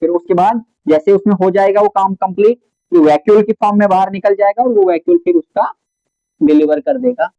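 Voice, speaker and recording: A man's voice: high-pitched, fairly quick, no echo, highs cut off. A man giving a biology lecture at a board, asking his students questions and answering them himself, mixing English terms into his explanation. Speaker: biology teacher. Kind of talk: classroom lecture at a whiteboard.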